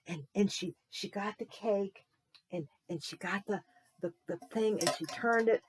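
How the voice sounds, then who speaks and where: A woman telling a children's Bible story in an animated way, often stopping to ask the young listeners questions. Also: medium pitch, husky.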